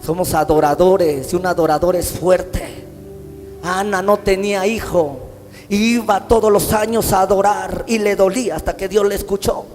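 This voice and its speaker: A Mexican man preaching a sermon as pastor, impassioned, his phrases swelling into sung, drawn-out lines. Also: high voice, fairly even intonation, a little mellow. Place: church hall. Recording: long church-hall reverb with faint instrumental music.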